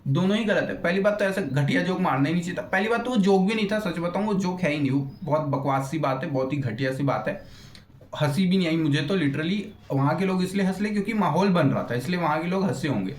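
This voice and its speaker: A man's voice: on the high side, animated, quick pace. A young man and YouTuber ranting in an unscripted roast, blunt and crude, swearing freely and losing his thread as he rambles. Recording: echoey room.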